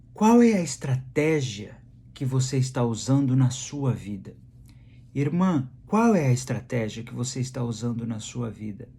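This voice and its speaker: Brazilian male pastor, conversational sermon, mid-pitched, slow and repetitive for emphasis. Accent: Brazilian Portuguese. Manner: conversational preaching, repeats phrases for emphasis.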